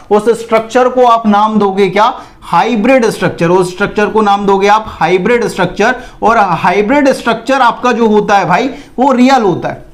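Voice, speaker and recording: A man teaching an exam-prep chemistry lecture, asking the class questions and answering them himself, calling students "bhai". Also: high-pitched. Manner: repetitive, asks and answers own questions; calls listeners "bhai".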